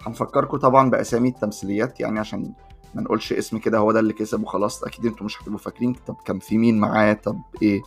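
A man's voice: lowish voice, little pitch movement, very fast, gravelly, breathy edge, soft background music. A man with an Egyptian Arabic accent, chatting casually as a podcast co-host with a friend. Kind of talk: casual chat between friends.

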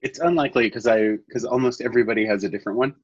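A man's voice: medium pitch, very fast, husky, dry recording. A man with an Irish accent in casual chat, explaining at length and often restarting his sentences. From Ireland. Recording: dull, lo-fi dry recording.

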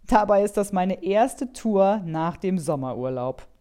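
A woman's voice: medium pitch, animated, unhurried, mellow, voice pushed up, close to an everyday voice. A woman voicing a friendly middle-aged male fruit seller in a children's storybook, chatty and easygoing.

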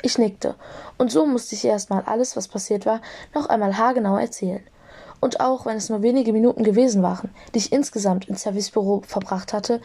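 A young woman narrating a fan audiobook in a lively storytelling manner. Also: medium pitch, vocal fry, slightly rough.

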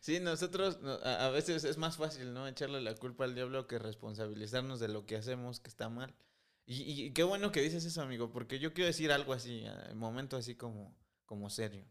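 A man's voice: mid-range voice, fairly quick, fairly bright tone. A man co-hosting a casual podcast, speaking earnestly straight to his listeners. He addresses them as brothers and stops and restarts his phrases as he thinks. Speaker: podcast co-host.

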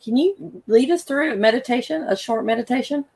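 A woman's voice: on the high side, animated, brisk, gravelly, a little mellow, husky. A woman hosting a show, chatting casually as she interviews her guest. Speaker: show host.

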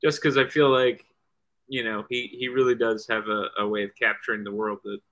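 A man's voice: medium pitch, flat delivery, brisk, fairly bright tone, rough recording. A man speaking as a guest in a casual interview, rambling through his answers with many restarts and "you know"s. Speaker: guest comic writer. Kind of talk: casual video-call interview.

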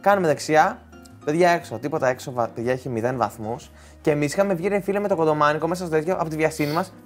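A man's voice: fairly high pitch, soft background music. A young man telling a long story casually to friends, acting out the people in it. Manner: animated, acts out voices in anecdotes.

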